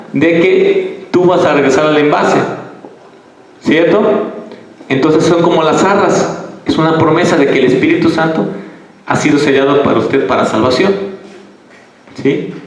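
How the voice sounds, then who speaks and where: Man preaching, high voice, heard from far off in a church hall. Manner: conversational, asks the congregation questions. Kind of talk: sermon.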